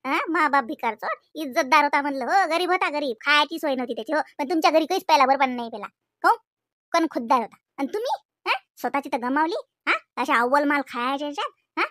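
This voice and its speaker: A woman's voice: high voice, lively intonation, fast, fairly bright tone, no echo, clean studio sound. A woman voicing a scolding middle-aged village mother in a cartoon comedy, speaking with a Vidarbha Marathi accent and nagging with repeated "हा?" tags. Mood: indignant.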